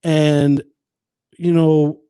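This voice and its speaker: A man's voice: a little high, level tone, very slow, dark tone, smooth, no echo. A man in his twenties, a podcast guest in casual chat, rambling with many restarts and swearing freely. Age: 20s.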